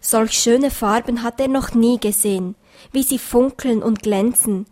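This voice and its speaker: A woman calmly narrating a children's story. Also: on the high side, measured pace.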